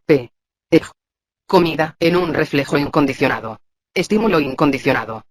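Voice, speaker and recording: A man reading a psychology lesson aloud in a steady scripted way, sounding out abbreviations letter by letter. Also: fairly high pitch. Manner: even, flat reading that voices abbreviations letter by letter. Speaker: textbook reader.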